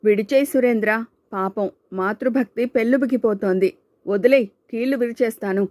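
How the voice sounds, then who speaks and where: An arrogant young male bully sneers and taunts, as a woman reads him in an audiobook. The voice stays close to her own dark, mellow tone. The sound is dry and close. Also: a little high, normal speed, no echo, close to an everyday voice. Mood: sneering. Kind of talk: audiobook character voice.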